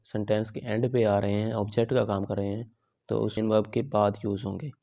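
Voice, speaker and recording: Male grammar teacher, low and even voice, slow, deliberate explaining. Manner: slow, deliberate explaining, drawing out example sentences. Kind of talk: recorded grammar lesson.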